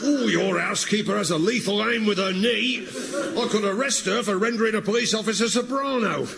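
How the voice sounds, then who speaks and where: A man's voice: high voice, a little fast, gravelly, very noisy. A man playing a sarcastic police inspector. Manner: sarcastic, mocking. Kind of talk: comic radio play acting.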